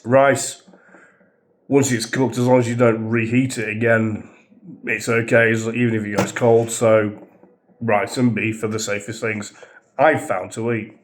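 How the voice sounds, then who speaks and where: A man's voice: on the low side, flat delivery, unhurried, a little hiss or hum. Angry swearing man ranting. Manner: swearing, exasperated, sarcastic. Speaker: vlogger reviewing a holiday. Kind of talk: angry ranting travel diary.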